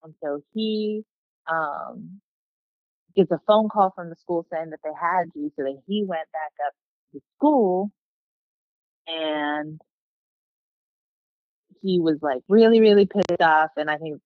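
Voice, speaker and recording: A woman's voice: on the low side, dry recording. A woman guesting on a podcast, recalling a childhood memory in a casual chat, often stopping to correct herself. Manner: halting, self-correcting recollection. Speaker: podcast guest, host's sister. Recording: tinny phone-line sound.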